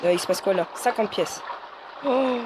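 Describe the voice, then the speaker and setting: A man's voice: sits high, moderate pace. A man commenting on a horror game as a gaming youtuber, jittery and frightened, yelping and muttering to himself. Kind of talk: let's play commentary. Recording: loud background noise and hiss.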